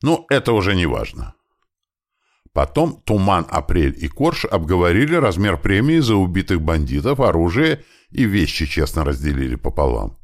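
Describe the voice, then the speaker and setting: A man reading a first-person adventure audiobook in a relaxed, conversational storytelling manner. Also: low-pitched, moderate pace. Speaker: audiobook narrator.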